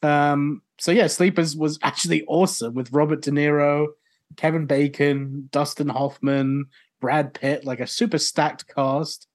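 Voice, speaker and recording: A podcast co-host in casual chat, enthusiastic and rambling, quick to joke. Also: medium pitch, fairly even intonation.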